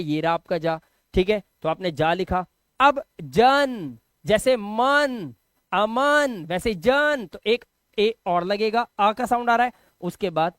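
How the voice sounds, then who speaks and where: A man teaching an online lesson, explaining step by step, repeating words slowly and checking that students follow. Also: high-pitched, clear, resonant tone, dry recording. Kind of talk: online lesson explaining Hindi to English spelling.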